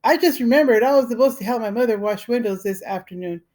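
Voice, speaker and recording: A flustered boy rushes out defensive excuses in a raised, boyish pitch. A woman reading aloud from a storybook voices him. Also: darkish tone, natural voice. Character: scared boy making excuses.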